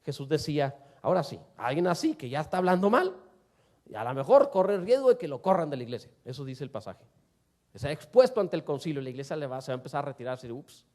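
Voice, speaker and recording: A man preaching a sermon to a congregation, asking them rhetorical questions and swinging between loud and soft. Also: on the high side, big pitch swings, fast. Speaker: pastor.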